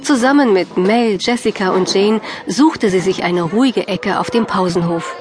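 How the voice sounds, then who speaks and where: A woman with a mid-range voice narrates a scripted children's audiobook over background music, phrasing clearly and keeping a measured storytelling pace.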